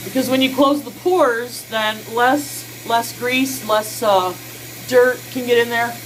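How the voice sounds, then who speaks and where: Taking it slowly in a steady, slightly high voice, a skincare vlogger in her early forties casually walks through her routine. She is folksy and uses plenty of fillers, recording in a small home bathroom on a close built-in camera mic. The audio is poor, with slight background noise.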